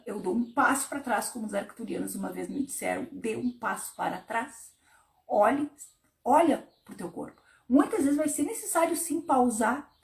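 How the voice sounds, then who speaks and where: Animated high-voiced woman therapist. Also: vocal fry, reverberant. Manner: animated, acts out inner voices in a low murmur. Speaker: therapist and live-stream host. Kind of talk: casual spiritual talk on a live stream.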